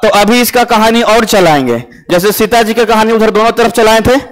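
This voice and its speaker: A man's voice: high voice, normal speed, poor audio. A man teaching a classroom lesson with memory tricks, asking his students questions and answering them himself.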